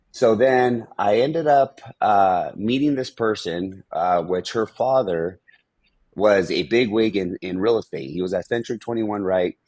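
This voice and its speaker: A man's voice: lowish voice, darkish tone, slightly rough, no echo. A man on a podcast telling his life story in plain, frank words with some swearing, acting out old conversations. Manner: candid and profane, acts out past conversations. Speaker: podcast guest. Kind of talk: storytelling in an interview.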